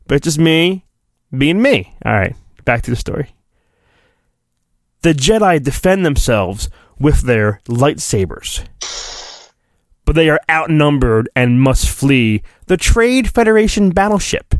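In a dry, studio-quality recording, a middle-aged man runs a solo podcast, chatting loosely and reading aloud in a mock-dramatic storybook style, always joking at his own expense. He speaks a little high and a little slowly, yet with a very animated delivery.

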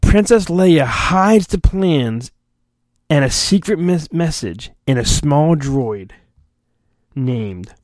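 Slow and animated, with a high, slightly mellow voice in a dry recording, a man hosts a podcast and reads a storybook in mock-dramatic style. He keeps interrupting himself to mutter theatrical, self-mocking remarks.

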